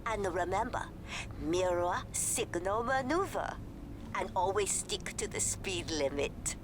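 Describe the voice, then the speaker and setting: A woman voicing a doting mother of a young racing driver, speaking in a soft, fussy, affectionate way with a British accent. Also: mid-range voice, expressive, slow pace. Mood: fond. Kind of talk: video game cutscene dialogue. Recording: game audio with clear background noise.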